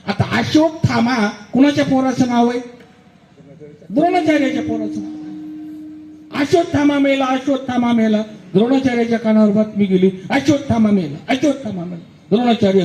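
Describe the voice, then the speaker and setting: High-voiced kirtan preacher. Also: male voice, mellow, reverberant, slight background noise, rough recording. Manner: dramatic storyteller, asks the crowd questions and answers them. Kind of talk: devotional kirtan sermon storytelling.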